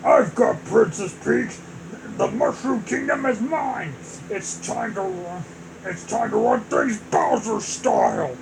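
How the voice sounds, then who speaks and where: Lady doing a big bragging turtle king, loud and bossy, with a hum of air con behind. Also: medium pitch, expressive, slow, vocal fry. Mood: boastful. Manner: bellowing, bragging, sneering. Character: gruff hulking male turtle king villain.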